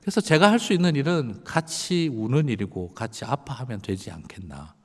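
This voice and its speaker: A middle-aged male pastor preaching a revival sermon, moving from hushed, whispered prayer to loud, emotional exclamation. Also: medium pitch, sing-song, a little fast. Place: church sanctuary. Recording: reverberant church sanctuary.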